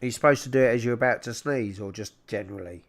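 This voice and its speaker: A man's voice: mid-range voice, very fast, vocal fry. Casual South London man chatting on a livestream. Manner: informal and matey, calling people "mate". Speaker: livestream host. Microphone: large microphone up close.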